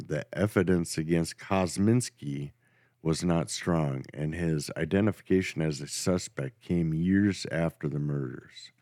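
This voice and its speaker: A man hosting a podcast, telling a true crime story in a steady, matter-of-fact way. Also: deep voice, no room sound, studio quality. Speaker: podcast host.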